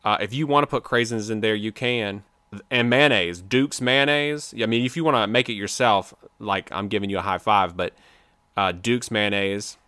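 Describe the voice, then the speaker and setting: A man chats on a podcast in a lively, opinionated, joking manner. His voice is bright and forceful. The sound is dry and close, with no room behind it. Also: lowish voice, normal speed, clean tone, no echo. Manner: animated, opinionated, playful. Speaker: podcast co-host. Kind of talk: casual chat. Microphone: remote video call.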